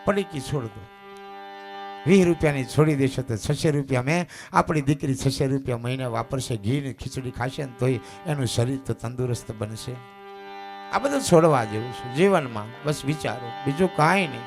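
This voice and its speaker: A man with a Gujarati accent preaching a devotional sermon, repeating phrases, loud declaiming one moment and quiet coaxing the next. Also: mid-range voice, normal speed, faint music behind. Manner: emphatic, repetitive, swings between loud declaiming and quiet coaxing. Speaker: spiritual preacher.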